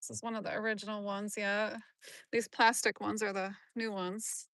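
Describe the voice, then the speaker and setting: A woman's voice: medium pitch, flat delivery, normal speed, a bit bright, no room sound. A woman live-streaming on a phone while walking through an outdoor cemetery, chatting casually and answering viewers' comments. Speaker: genealogy vlogger.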